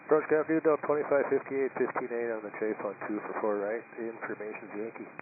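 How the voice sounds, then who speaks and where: A man's voice: mid-range voice, flat delivery, quick pace. A man speaking as an airline pilot over the radio, checking in with approach control. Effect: aircraft radio transmission. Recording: tinny, noisy aviation radio.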